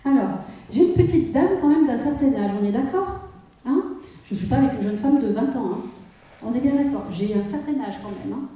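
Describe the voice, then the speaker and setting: A woman's voice: on the high side, animated, normal speed, mellow, far from the mic. A woman medium giving a live reading to an audience, checking in constantly with "hein" and "vous comprenez". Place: conference hall before an audience. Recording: roomy hall, voice from afar.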